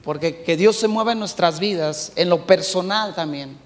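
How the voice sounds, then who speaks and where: A middle-aged Mexican pastor preaching a sermon, swinging between shouts and hushed passages. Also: male voice, high-pitched, moderate pace, in a large hall. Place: church hall.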